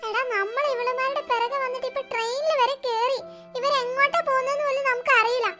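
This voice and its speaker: A woman's voice: very high voice, fairly even intonation, fast talker, bright, forceful tone, faint music behind. A woman voicing a teasing young male sidekick in a cartoon, doubtful of his friend's plans. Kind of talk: cartoon voice acting.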